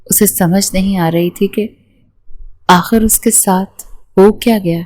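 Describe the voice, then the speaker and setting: A woman narrating a romance novel aloud as an audiobook, in a steady storytelling manner. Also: medium pitch, no room sound, low-quality recording.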